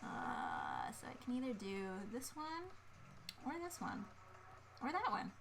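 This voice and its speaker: A woman's voice: a little high, wildly swooping pitch, a little slow, vocal fry, background noise. A woman co-hosting a casual board game stream, thinking aloud with playful muttering and little vocal sound effects. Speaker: co-host of a board game play-along stream. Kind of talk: casual chat while playing a board game.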